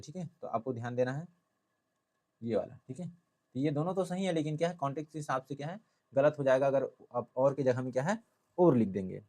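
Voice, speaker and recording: A man's voice: medium pitch, a little mellow. Hindi teacher man, patient explainer. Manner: explanatory, repeats "theek hai" often. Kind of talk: classroom-style lesson.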